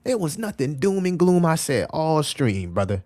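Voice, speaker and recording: A man's voice: a little high, very animated, normal speed, darkish tone. Slangy, repetitive male streamer. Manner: loose, slangy and repetitive, often calling out "bro"; talks back to chat messages as he reads them. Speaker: crypto livestream host. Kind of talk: casual live-stream chat.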